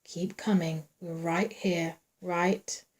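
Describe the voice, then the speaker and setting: A woman's voice: deep voice, fairly even intonation, a little fast, dark tone, pitched below the performer's own voice, natural voice. A woman voicing a wounded young man who speaks weak and breathless. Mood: gasping. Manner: breathless, strained.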